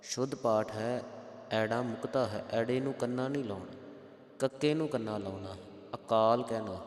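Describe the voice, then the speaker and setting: A man teaching careful pronunciation of scripture, spelling out vowel marks and chanting lines slowly. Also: medium pitch, darkish tone. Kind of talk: slow pronunciation lesson with chanted verses. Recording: echoey room with long reverb.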